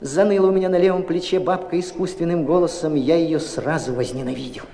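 A man giving a dramatic literary reading, expressive and tense, swinging between loud and hushed. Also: fairly high pitch, fairly quick. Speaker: audiobook narrator. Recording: roomy, long reverb.

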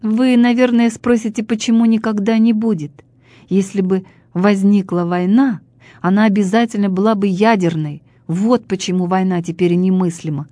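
A woman's voice: mid-range voice, steady tone, normal speed, warm tone, no room sound, lightly acted. A woman voicing a self-satisfied male scholar explaining his point in a storybook reading. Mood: self-assured.

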